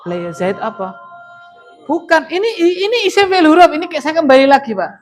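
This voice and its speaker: A man's voice: extremely high pitch, very animated, a little fast, faint music behind. A man with a Javanese accent teaching Arabic grammar in a classroom, explaining patiently and quizzing his students with frequent questions. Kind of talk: classroom lesson.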